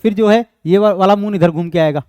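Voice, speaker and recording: This teacher is a man with an Indian accent whose voice sits high and a little mellow, recorded cleanly with no room sound. He gives an exam-prep lecture, explaining step by step, answering his own questions, and reading the English question text slowly.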